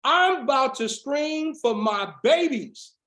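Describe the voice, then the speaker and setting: A hoarse man coaching a business team on a video call, preaching with fire and breaking into shouts. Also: extremely high pitch, lively intonation, slow pace, echoey room. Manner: fiery preaching, rising to shouts. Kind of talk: motivational sales training on a video call.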